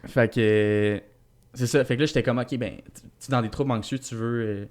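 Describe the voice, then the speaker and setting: A man's voice: medium pitch, fairly even intonation, moderate pace, a little mellow. A young man with a Québécois French accent, chatting casually as a podcast guest, laughing often and talking in loose filler-heavy sentences. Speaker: podcast guest, fitness coach.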